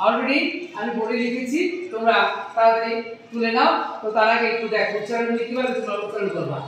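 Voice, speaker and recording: A high-pitched man teaches a classroom grammar lesson, asking questions and then answering them himself. His voice rings around a very echoey room, picked up from some distance away with a faint hiss underneath. He recites word lists slowly and deliberately. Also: a bit bright. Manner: slow, drawn-out recitation of word pairs. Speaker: English teacher.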